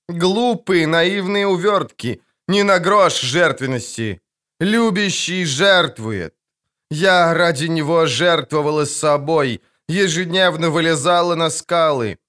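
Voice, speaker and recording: A shrill, sing-song young sea siren, vain and quick to whine about her sacrifices, put on by a male audiobook reader. She squeals high above the narrator's own tone and drags out her complaints. Her speech has a fairly high, lightly raised ring throughout. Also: a bit bright. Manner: sing-song, whining, indignant. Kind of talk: audiobook character voice.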